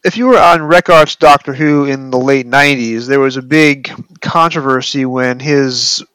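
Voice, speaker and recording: A man's voice: mid-range voice, fairly even intonation, moderate pace, fairly bright tone, clean tone, dry recording, rough recording. An American man chatting casually as a podcast host. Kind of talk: casual interview chat.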